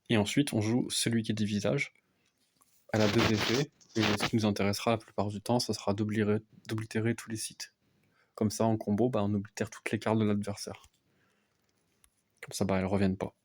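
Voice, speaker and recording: A young man softly explaining a card game deck as casual gameplay commentary, often hesitant with fillers. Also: flat delivery, a little fast. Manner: speaks softly, low volume. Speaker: card game content creator.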